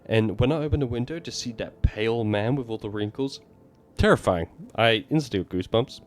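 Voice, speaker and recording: A man streaming a horror game live, excitedly gushing about it. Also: medium pitch, fairly quick, faint music behind. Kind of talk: live gameplay commentary.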